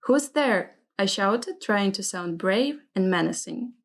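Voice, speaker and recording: A woman whose first language isn't English hosts a vocabulary segment, slowly and animatedly reading example phrases and asking what they mean. Her pitch is medium, and her manner is inquisitive and careful as she checks meanings.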